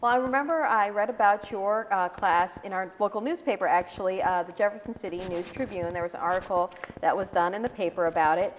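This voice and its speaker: Woman host of a local interview show; friendly, lots of fillers, mid-pitched voice, reverb on the room. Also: a little fast, few pauses, slight background noise.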